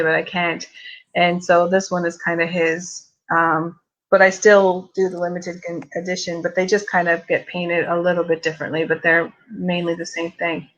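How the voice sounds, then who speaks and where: A woman's voice: on the low side, a bit bright, dull audio. Hesitant woman showing her paintings. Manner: hesitant, full of ums and likes. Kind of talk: casual chat.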